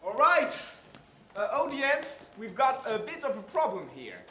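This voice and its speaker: Man acting as a race announcer, very high voice, echoey hall, far from mic. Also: wildly swooping pitch, a little slow, pushed and bright, a little hiss or hum, exaggerated voice. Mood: announcing. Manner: addresses audience, announcer-like. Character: excitable male race commentator. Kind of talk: amateur stage play acting.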